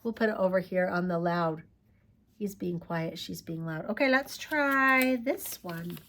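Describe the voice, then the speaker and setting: A woman teaching preschoolers, talking slowly in a coaxing, sing-song way as she asks questions and praises answers. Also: lowish voice, a bit bright. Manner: slow, sing-song, coaxing talk to small children. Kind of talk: children's lesson.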